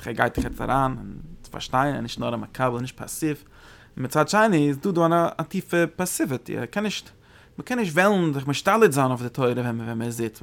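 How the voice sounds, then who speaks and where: A man's voice: mid-range voice, creaky, fairly bright tone. A man giving a religious study lecture as a Torah teacher. He halts often, repeats words and restarts phrases, and his voice jumps up when he stresses a point. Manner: sudden emphatic rises when stressing a point.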